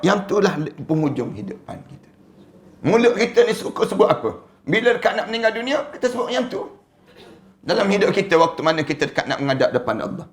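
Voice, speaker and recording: A man with a Malaysian accent preaching a sermon, animated and full of rhetorical questions. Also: high-pitched. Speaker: Islamic preacher.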